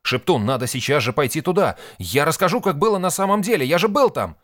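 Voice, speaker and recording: A man's voice: on the low side, a little fast, no echo, clean studio sound, lightly acted. A man voicing an impulsive, headstrong young man who speaks with eager outrage. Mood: outraged.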